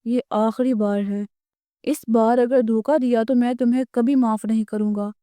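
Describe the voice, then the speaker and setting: A woman's voice: on the high side, fairly even intonation, mellow, no echo, studio quality, lightly acted. A woman voicing a lazy, simple-minded young man in a children's cartoon story, speaking in an insistent, complaining way. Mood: angry.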